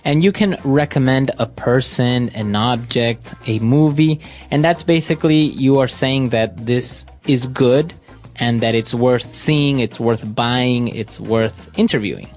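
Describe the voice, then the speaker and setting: A man from Ecuador co-hosting an English lesson podcast, explaining vocabulary calmly and steadily. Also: mid-range voice, a little slow, faint music behind. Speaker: co-host.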